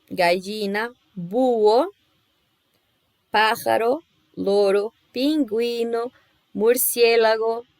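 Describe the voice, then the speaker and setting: A woman's voice: mid-range voice, dry recording. A woman teaching a Spanish class with a Brazilian Portuguese accent, explaining patiently step by step and checking in with her students. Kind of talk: recorded class lesson.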